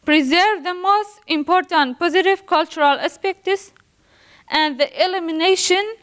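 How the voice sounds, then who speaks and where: In a formal academic style, a young adult student from Iraq presents in a high, fairly bright voice. Nerves show in her careful, halting reading, and she frequently restarts words after stumbling.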